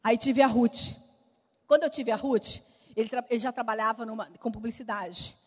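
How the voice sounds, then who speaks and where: High-voiced Brazilian woman sharing a testimony. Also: normal speed. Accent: Brazilian Portuguese. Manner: lively storytelling, acting out remembered dialogue. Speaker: speaker giving a testimony. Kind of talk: personal testimony to an audience. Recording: long reverb of a large hall.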